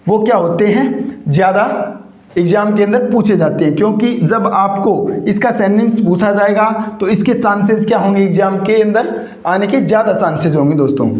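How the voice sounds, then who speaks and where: A man teaching English vocabulary for exams, asking a question and answering it himself, and stretching words out slowly to show how they are said. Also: sits high, a little mellow. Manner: repeats each word with question-and-answer drilling; drawls words slowly for pronunciation. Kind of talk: exam-prep vocabulary lesson. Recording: roomy, dull lo-fi sound.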